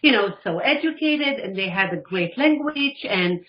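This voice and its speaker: With a medium-pitched voice at normal speed, a middle-aged Israeli woman tells her story as a radio guest. The life coach is animated, acting out quoted dialogue during the casual interview, and the audio comes across dull and lo-fi.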